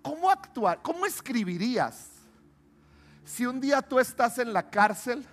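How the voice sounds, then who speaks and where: A man preaching a sermon, swinging between loud emphatic calls and low hushed asides. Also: sing-song, unhurried, faint music behind.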